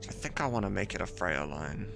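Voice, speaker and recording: A low, gravelly, expressive voice moves briskly as this man muses aloud on a livestream, eager and emphatic, with occasional mild cursing. He streams and directs voices for a game mod, and there's music behind him.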